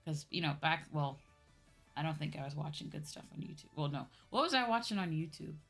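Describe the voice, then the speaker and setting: A young adult woman streaming as a VTuber chats casually over background music, her low voice expressive, fairly quick, creaky and slightly bright. She often checks in with "right?" and "you know."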